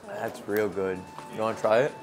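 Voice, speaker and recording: A man's voice: fairly low pitch, steady tone, normal speed. Young man, casual food vlog, joking laid-back talk, clip-on mic, music underneath. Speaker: food vlogger. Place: outdoors on a city street, then inside a busy small restaurant. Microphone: small clip-on mic on shirt.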